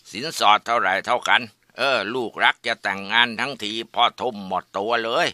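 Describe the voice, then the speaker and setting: Man doing a gruff, coarse old village father. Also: on the low side, measured pace, bright, forceful tone, dry recording, clean studio sound. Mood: scornful.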